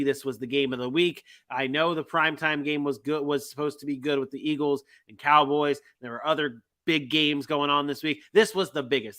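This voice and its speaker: A man's voice: a little high, pushed and bright. A man hosting a sports podcast, recapping games in casual chat and joking with his co-hosts. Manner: joking, tries to keep order. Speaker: podcast host.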